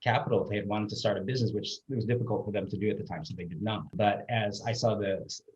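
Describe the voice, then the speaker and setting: A man's voice: lowish voice, darkish tone. A man born in Vietnam and raised in Southern California, hosting a formal online interview with polished, courteous introductions. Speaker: interview host. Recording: roomy, dull sound with faint music.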